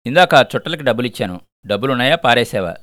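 A man's voice: medium pitch, expressive, quick pace, no room sound, clean studio sound, lightly acted. An older man voicing a poor, tender-hearted father who coaxes his crying son, in a storybook reading. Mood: coaxing. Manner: coaxing, gentle scolding.

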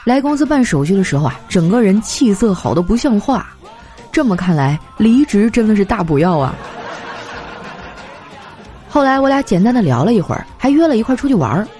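A young woman telling comic anecdotes in a chatty, animated way, slipping into voices for the people in her stories. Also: mid-range voice, a little fast. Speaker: comedy storyteller. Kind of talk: scripted comic monologue. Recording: light background music. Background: faint music.

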